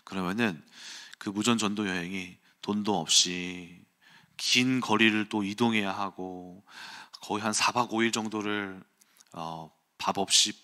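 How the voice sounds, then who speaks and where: Male preacher, bright and forceful tone, animated storyteller who acts out scenes. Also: lowish voice, a little slow. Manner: animated storytelling, acts out quotes and sounds, chuckles. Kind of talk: early-morning sermon with personal storytelling.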